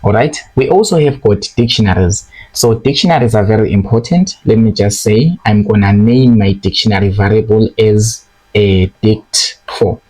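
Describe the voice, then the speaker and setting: Young male coding tutor, lowish voice, patient step-by-step delivery with frequent check-ins. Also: normal speed, darkish tone, rough recording. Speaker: programming tutor. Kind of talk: screen-recorded coding lesson.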